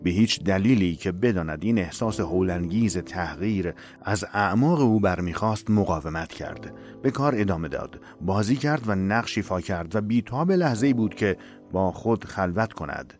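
A man reading a dramatic novel aloud in a measured, emotive storytelling voice. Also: low-pitched, lively intonation, a little mellow, faint music behind. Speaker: narrator. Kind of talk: dramatic audiobook narration.

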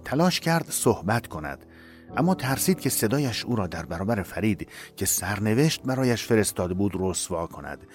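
A man reading a dramatic novel aloud in a measured, emotive storytelling voice. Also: on the low side, big pitch swings, faint music behind. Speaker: narrator. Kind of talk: dramatic audiobook narration.

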